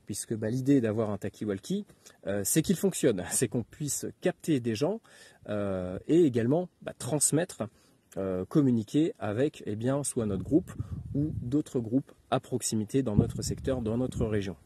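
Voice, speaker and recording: A man giving an informal spoken tutorial as an instructor, talking haltingly with many hesitations and filler words. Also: mid-range voice, expressive, warm tone, slightly rough, no echo. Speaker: instructor giving outdoor radio advice.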